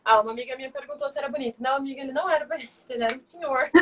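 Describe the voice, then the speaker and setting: A young woman talks quickly, in a high voice, through her lively stories. She acts out the people she quotes. It is a relaxed, casual chat. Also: vocal fry. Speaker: former flight attendant, guest.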